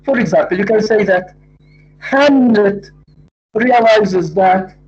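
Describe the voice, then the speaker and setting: A man's voice: sits high, slow pace, a little mellow, a little hiss or hum. A man with an Arabic accent, a native Arabic speaker, lecturing on academic writing in a didactic, emphatic way, repeating and spelling out key points. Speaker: university English lecturer. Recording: dull lo-fi audio.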